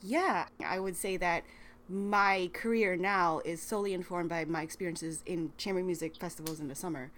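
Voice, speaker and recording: A woman hosting a casual interview, chatty and lively, laughing often as she asks questions. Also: lowish voice, moderate pace. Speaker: podcast host.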